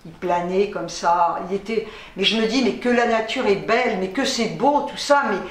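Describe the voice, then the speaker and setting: A woman vlogger chatting casually to camera, swearing freely as she tells animated stories. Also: medium pitch, moderate pace, reverberant.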